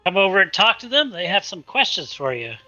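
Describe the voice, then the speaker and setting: A man's voice: high voice, big pitch swings, brisk, sharp tone, no room sound, muffled recording, faint music behind. A man playing a tabletop game, speaking his hero's lines in a theatrical way. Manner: theatrical in-character speech. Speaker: player. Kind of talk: tabletop role-play.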